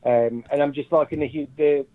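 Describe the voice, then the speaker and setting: A man's voice: on the high side, steady tone, fairly quick. A man calling in to a live show, talking in an earnest, rambling way. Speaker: caller. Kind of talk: phone-in call. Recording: tinny phone line.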